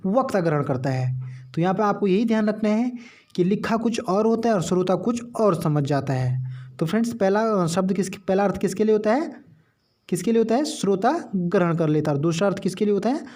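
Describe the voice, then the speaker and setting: Mellow-voiced man teaching grammar. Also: high-pitched, expressive, brisk. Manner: asks the class questions and answers them himself, repeats key terms; keeps addressing listeners as friends. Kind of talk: exam-prep grammar lesson.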